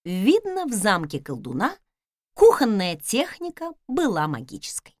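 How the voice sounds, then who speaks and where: A woman narrating a first-person fantasy audiobook in a lively, ironic storytelling manner. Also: mid-range voice, unhurried, dry recording, clean studio sound. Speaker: audiobook reader.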